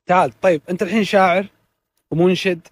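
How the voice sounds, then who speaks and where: A man interviewing someone on the street in a teasing, lively way. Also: high-pitched, quick pace.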